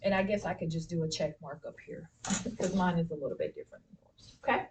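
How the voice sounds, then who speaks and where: A woman's voice: lowish voice, fast talker, darkish tone. A woman teacher leading a classroom spelling lesson, prompting with questions and saying "okay" and "all right" often. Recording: distant classroom recording with faint noise.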